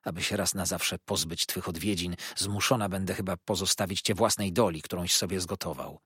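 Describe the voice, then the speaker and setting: A man's voice: low voice, steady tone, fairly quick, a bit bright, breathy edge, dry recording, studio quality, heavily acted. A man reading an audiobook, voicing a proud, wounded older aunt who speaks in a dignified, reproachful way.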